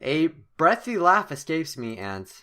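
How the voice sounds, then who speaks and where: Reading a horror game's story text in an excitable, theatrical way, a young male gaming video host stumbles here and there; his voice is a little high and his delivery a little slow.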